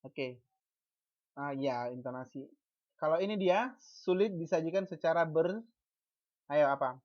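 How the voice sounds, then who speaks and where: A teacher lectures an online class over a video call, speaking slowly and deliberately. The teacher poses questions to students and answers them, often restarting words and repeating syllables. The call audio is dull and lo-fi. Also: mid-range voice, a little mellow. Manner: frequent false starts and repeated syllables.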